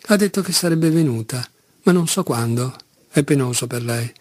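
A timid, kind young man answering softly and trying to soothe, as a male reader voices him. The husky voice is recorded close and dry. Nothing in it is pushy. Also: medium pitch, lively intonation, moderate pace, no echo, natural voice. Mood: gentle.

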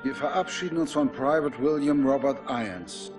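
An actor playing a steadfast squad leader in a war video game, with an authoritative, clipped delivery. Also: male voice, mid-range voice, normal speed, music in the background, natural voice. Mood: solemn, steady. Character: commanding, steadfast male military squad leader. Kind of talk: dramatic military game acting.

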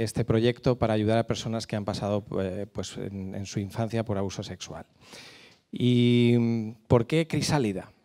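Hombre de voz grave y cálida. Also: male voice, fairly low pitch, a little mellow. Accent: Madrid Spanish. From Spain. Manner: hesitant, many fillers and restarts. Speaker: guest speaker at a church. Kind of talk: church talk to a congregation. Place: church hall with a small stage. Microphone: handheld microphone.

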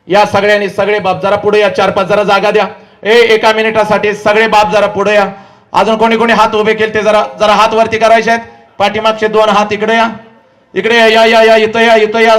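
Man, high-pitched, fiery stage lecture, scolding, shouting, stage microphone, large audience event. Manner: repeats commands to the audience. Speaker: motivational public speaker.

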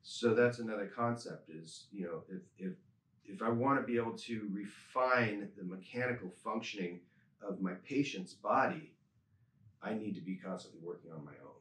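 Fairly low-pitched and at normal speed, a man in his fifties reflects as a chiropractor guest in an interview. He is calm and earnest, repeating phrases for emphasis, in an office with a desk and skeleton model; the somewhat distant stand-mounted desk mic picks up roomy sound plus slight hiss or hum.

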